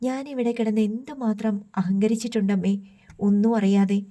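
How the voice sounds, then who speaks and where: A woman's voice: medium pitch, steady tone, moderate pace, warm tone, lightly acted. A woman voicing a tearful, remorseful daughter. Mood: pleading remorse. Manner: pleading, choked with tears. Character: remorseful young adult daughter, once proud.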